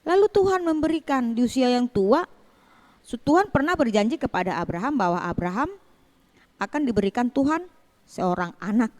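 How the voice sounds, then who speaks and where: A Sunday school teacher tells children a Bible story, her voice on the high side and her pace normal. She's animated, leaning on rhetorical questions and repetition.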